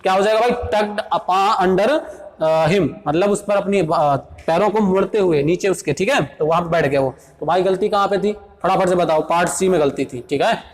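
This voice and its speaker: A male English teacher leads an exam-prep grammar lesson, his voice pitched high and his delivery brisk. He reads the sentences out slowly, explains them quickly, quizzes students along the way, and keeps repeating "देखो भाई".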